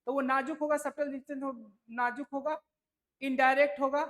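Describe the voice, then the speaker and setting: A man's voice: very high voice, little pitch movement, normal speed, a bit bright. A man teaching English vocabulary for an exam in a chatty, casual way, often checking in with listeners. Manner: chatty, repeats "है ना?" and "ठीक है" to check in. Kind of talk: casual tutoring lesson.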